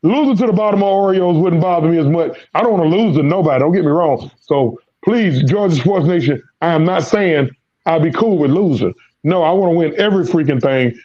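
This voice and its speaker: Fairly high in pitch and fairly quick, this man's voice comes through dull audio. He's a sports podcast host who is losing his voice, wandering through casual sports chat with plenty of repeated words and Southern American slang.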